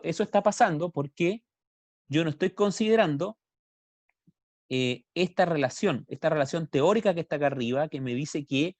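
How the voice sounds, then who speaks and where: Over a video call, a Chilean-accented man gives an online math lecture, working through problems step by step and quizzing students as he goes. His fairly high voice has a darkish tone, and there's no echo.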